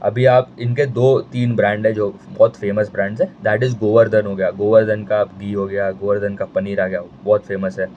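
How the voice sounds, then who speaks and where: A man's voice: lowish voice, flat delivery, normal speed, hardly any pauses, a little mellow, lo-fi sound, slight background noise. A man casually explaining company figures in a loose, conversational way, thinking aloud with fillers and restarts. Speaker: stock market analyst. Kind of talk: casual explainer in Hindi-English mix.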